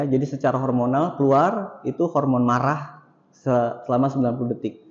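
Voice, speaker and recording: A man's voice: mid-range voice, mellow. A man giving an Islamic study lecture in a mosque, repeating each point for emphasis. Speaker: Islamic teacher. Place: mosque hall. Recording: echoey hall, dull lo-fi sound.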